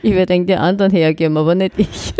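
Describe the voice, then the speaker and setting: Brief: Korean-native woman, mellow tone, dry close sound, animated and searching for words. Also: on the low side, brisk, no room sound. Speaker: chef, interview guest. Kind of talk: casual interview chat.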